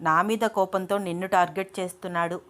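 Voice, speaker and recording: A woman voicing a calm, practical young man who speaks affectionately and reasons things out in an even tone, close to her own voice. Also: on the low side, fairly quick, close to an everyday voice. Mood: explaining.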